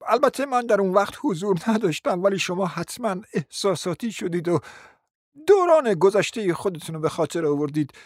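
A performer voicing a young man, a suitor, explaining in a soft, measured way in a radio play. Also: medium pitch, expressive, dry recording, clean studio sound, natural voice. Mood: calm. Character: young male suitor, calm and reasoning.

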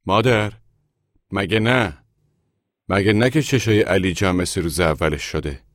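A man's voice: rumbling low, slightly rough, no echo, studio quality. A man voicing a grieving father who speaks tenderly to his son, his voice choked.

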